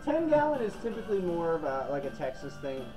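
A man's voice: fairly high pitch, very animated, fast, low-quality recording. Chatty hat salesman, store music behind. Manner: chatty, explains with many fillers. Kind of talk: casual in-store advice. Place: large western wear store, indoors.

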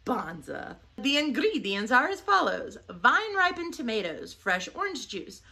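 A woman's voice: high-pitched, sing-song, normal speed, vocal fry, pushed and bright, soft background music. A middle-aged woman reviewing hot sauces in a casual vlog, playful and jokey, often laughing.

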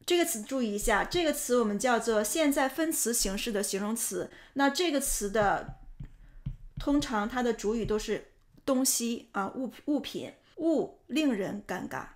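A woman teaching English pronunciation and grammar, explaining points patiently and clearly. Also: fairly high pitch, expressive, normal speed. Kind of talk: explanatory lesson narration.

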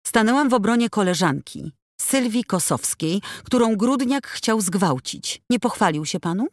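An indignant, outspoken working woman, as a female audiobook reader puts her on, raised and heated, pressing every accusation hard. Her talk swings widely in pitch and goes up in force. It comes from a close mic in a dry studio, with no room sound behind it. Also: animated, moderate pace, dry recording, lightly acted. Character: indignant middle-aged woman worker, outspoken. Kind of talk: audiobook dialogue reading.

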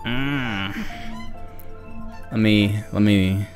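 A young gaming livestreamer speaks extremely slowly in a lowish voice. He rambles to viewers in a distracted, self-deprecating way, over background music and through a boom-arm microphone.

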